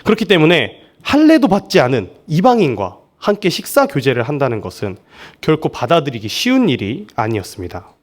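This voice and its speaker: A man's voice: on the high side, wildly swooping pitch, brisk. A young man from Seoul, a junior pastor preaching a church sermon in a friendly, joking way. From Seoul, South Korea. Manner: friendly and joking, often laughing with the congregation. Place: church service.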